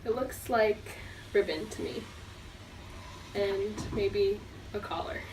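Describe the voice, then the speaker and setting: A woman's voice: medium pitch, slow pace, distant mic, background noise. A nineteen-year-old woman student giving a short answer.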